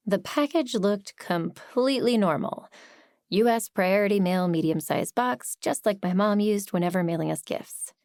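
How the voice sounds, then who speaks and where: A woman's voice: on the low side, a little mellow, no room sound, clean studio sound. Woman narrating a cozy mystery audiobook. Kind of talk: first-person novel narration.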